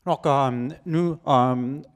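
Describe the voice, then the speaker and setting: A deaf man with an American English accent in his French, presenting to an audience with slow, careful, halting articulation. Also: medium pitch, clear, resonant tone. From California, United States. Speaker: start-up presenter.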